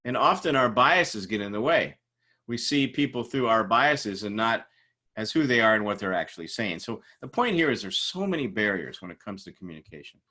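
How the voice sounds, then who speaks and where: A man's voice: lowish voice, animated, fairly quick, sharp tone. A man teaching a recorded lecture in a casual, conversational way, with frequent fillers and restarts.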